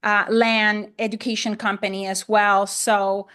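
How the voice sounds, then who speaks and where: This podcast guest, a middle-aged land investor from Honduras with Spanish as her native language, chats conversationally and keeps restating and rewording her ideas. Her medium-pitched voice varies little, moving at a measured pace with a slightly bright, clear, resonant tone.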